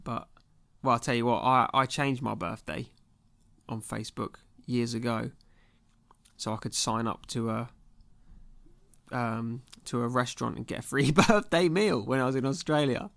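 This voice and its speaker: A man's voice: medium pitch, moderate pace, vocal fry, fairly bright tone. A young man ranting casually and sarcastically as a podcast host, full of slang and exasperation. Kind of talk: casual comedic rant.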